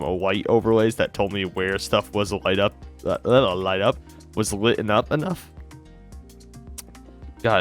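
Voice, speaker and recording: Tired, low-voiced man narrating gameplay. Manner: rambling, self-correcting, relaxed. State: sick and tired, slurring words. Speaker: Minecraft series host. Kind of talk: casual gameplay commentary.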